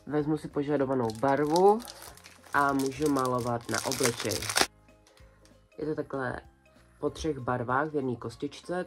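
This is a young adult woman with a notably low voice, vlogging from a small decorated bedroom. She chats in a relaxed, colloquial way and presents each new purchase to a camera set close on her desk. Faint music plays softly behind her. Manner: chatty, colloquial, shows items one by one. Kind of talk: casual haul video chat.

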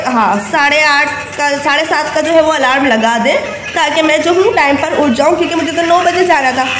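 A woman in her thirties vlogs casually to her phone camera at home, chatty and calling viewers "guys" while mixing in English phrases. Her voice sits high with a fairly bright tone. She's on a plant-filled home veranda, indoors and out, with the phone held at arm's length in an echoey space with background noise.

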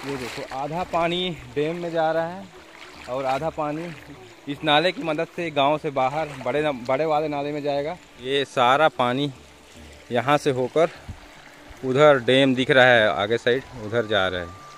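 This young village vlogger from India, speaking with a Chhattisgarhi accent, talks a little slowly in a high-ish, somewhat bright voice. He's outdoors in a rural area, chatting casually to a phone held at arm's length, with a faint hiss or hum in the audio.

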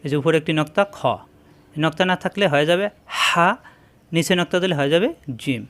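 Slow, drilling male Quran teacher. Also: on the high side, a bit bright, clear, resonant tone. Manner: slow, drilling repetition of syllables. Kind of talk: spelling out Arabic letters in a recorded lesson.

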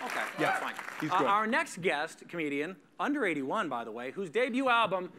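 A man hosting a late-night talk show, giving upbeat, loud introductions. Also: high voice, big pitch swings, fast talker, a faint crowd. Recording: loud band and studio audience behind.

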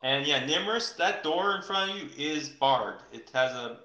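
A man narrating as game master in an online tabletop game, pausing often to look up details. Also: a little high, lively intonation, sharp tone, reverberant. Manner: halting, looks things up mid-narration.

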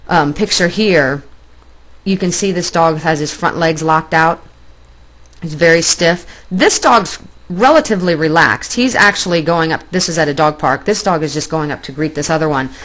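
A woman instructor explaining dog body language in a plainspoken online lecture, pointing out pictures on slides. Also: low voice.

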